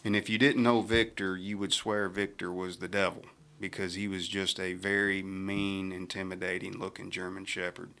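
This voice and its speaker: A man's voice: low-pitched, flat delivery, moderate pace, vocal fry, sharp tone. A middle-aged man, a sheriff on a radio talk show, telling rambling stories with many restarts. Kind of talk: casual radio chat, storytelling.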